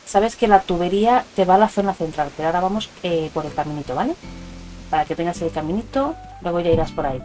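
Talking fast with lively intonation, a woman from Spain chats affectionately with her viewers as she plays a video game on stream, using endearments in a chatty, informal way. Her voice is lowish and has a Spanish accent. The recording is rough, with game music and stream alerts behind her.

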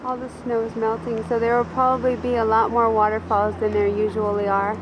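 Young woman, fairly high voice, chatty home-video narration, old camcorder tape, loud tape hiss. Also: little pitch movement, a little fast, highs cut off. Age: young adult. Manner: chatty, pointing out sights as they pass. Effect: old camcorder tape audio. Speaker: traveler filming a trip. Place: in a moving car on a road trip. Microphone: camcorder's built-in mic.

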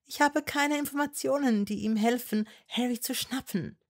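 A woman's voice: fairly high pitch, normal speed, voice pushed up, close to an everyday voice. A woman reading a fan story and voicing a desperate young witch who presses and pleads insistently. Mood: urgent, challenging. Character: desperate, stubborn young witch held captive.

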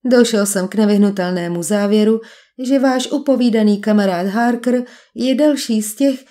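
A woman's voice: mid-range voice, dark tone, close to an everyday voice. A woman voicing a cool young male detective held captive, answering his captor in a dry, unflappable banter in an audiobook. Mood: calm, dry. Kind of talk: audiobook character voice.

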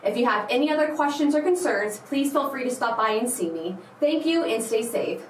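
A woman's voice: a little high, expressive, a little fast. Woman nurse over a school intercom. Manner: plain, instructive reading. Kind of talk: reading a school announcement. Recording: echoey and distant with faint hiss.

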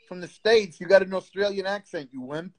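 A man with a high-pitched voice hosts a live stream and goes after a caller. He taunts him and swears constantly, in a loud, confrontational chat style. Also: brisk. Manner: taunting, profane, insulting.

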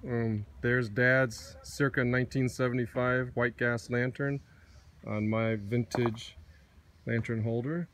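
A middle-aged camper gives a casual tour of his outdoor campsite, filming from behind a handheld phone and pointing out his gear at an unhurried pace. His medium-pitched voice is flat in delivery with a fairly bright tone, and he sometimes corrects himself.

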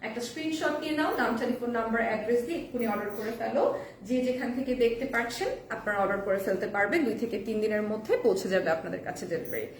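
A hoarse woman hosting a live selling stream, chatting casually and mixing in English phrases, heard in an echoey room with the mic at a distance. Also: on the high side, very fast, a little hiss or hum. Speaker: live-sale host.

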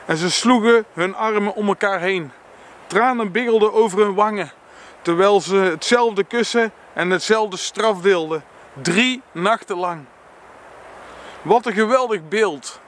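A man with a Dutch accent reads a book passage aloud and reflects on it, slow and earnest, stumbling now and then and correcting himself. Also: high-pitched, fairly bright tone, a little hiss or hum.

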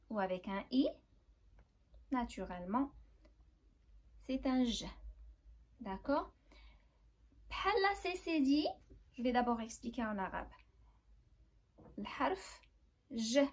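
A young woman with a Moroccan accent teaching basic French, explaining each point step by step and checking that her students follow. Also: fairly high pitch. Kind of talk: classroom lesson.

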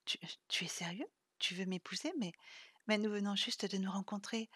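A woman reading the lines of an emotional young pastry chef, hushed and close to a whisper. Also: medium pitch, steady tone, moderate pace, slightly rough, dry recording.

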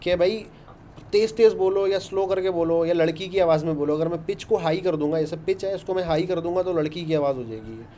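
A man's voice: high voice, fairly quick, dark tone, a little hiss or hum. A man, teaching a casual coding lesson and chatting his way through each step. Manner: chatty, explains step by step with frequent "ṭhīk hai". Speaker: programming instructor.

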